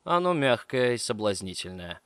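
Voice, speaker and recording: A man voicing a confident, commanding male lover who speaks firmly and a little loudly. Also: lowish voice, sing-song, normal speed, smooth, no room sound, clean studio sound.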